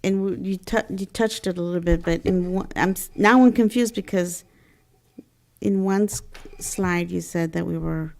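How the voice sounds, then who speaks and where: Woman trustee, warm dark voice with fry, stumbles through questions at a public meeting. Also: lowish voice, fairly even intonation. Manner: halting, filler-heavy. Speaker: school board trustee. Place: boardroom meeting.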